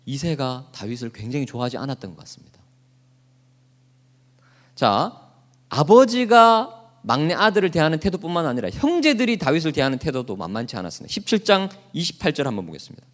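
A man's voice: a little high, sing-song, a little fast, fairly bright tone. A man preaching as a pastor, asking his congregation questions and leading them in reading aloud together. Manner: asks the congregation questions and leads group readings; acts out quoted lines. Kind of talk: sermon.

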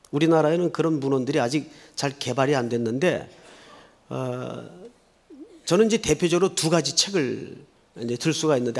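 A male pastor preaching a sermon, telling stories in an earnest, animated way. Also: fairly high pitch, vocal fry.

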